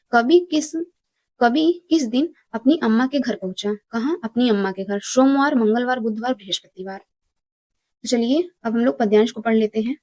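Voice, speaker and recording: A woman's voice: on the high side, darkish tone, no echo. Woman teacher quizzing and answering herself. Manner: asks questions and answers them herself, repeats key words. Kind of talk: exam-prep lesson.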